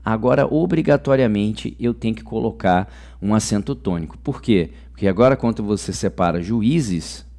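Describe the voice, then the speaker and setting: A Brazilian man teaching grammar in a chatty, informal way, often checking in with his students. His voice sits low and sounds warm and dark. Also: animated, normal speed. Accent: Brazilian Portuguese. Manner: chatty, says "ok?" and "moçada" often. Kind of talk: online grammar lesson.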